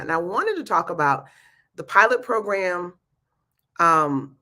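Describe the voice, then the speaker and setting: Wearing a retainer that slightly slurs her words, a youth peer group leader and speaker gives an emphatic, candid and informal talk about a program to an audience. She has a deep, somewhat bright voice.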